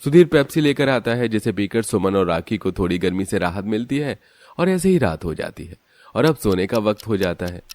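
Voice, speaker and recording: A man narrating a cartoon story in a steady, matter-of-fact way. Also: fairly low pitch, brisk, dry recording.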